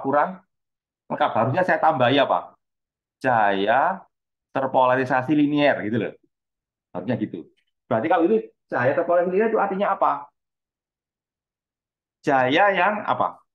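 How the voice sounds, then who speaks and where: A man's voice: a little high, a bit bright, lo-fi sound. A middle-aged man teaching a physics class. He speaks in a loose, conversational style, repeats points and poses questions to the students before answering them himself. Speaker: physics lecturer. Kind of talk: university lecture.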